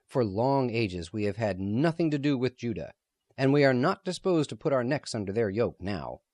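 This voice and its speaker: A man's voice: mid-range voice, darkish tone, no echo, studio quality. A man reading the part of a stern, proud elderly rabbi who speaks hotly and with defiance. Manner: hot, stern, declaiming.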